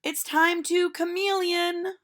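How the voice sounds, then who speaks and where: This is a heavily acted performance: the woman pushes her voice very high, above its natural pitch, yet keeps the delivery flat. She plays a silly, cheerful teacher from a kids' storybook, making bright, loud announcements with stretched-out words and strong emphasis.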